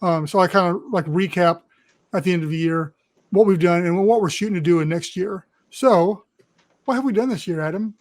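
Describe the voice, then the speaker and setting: A man's voice: high-pitched, brisk, a little mellow. A man co-hosting a podcast in casual chat, rambling with many fillers and restarts. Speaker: podcast co-host leading the show.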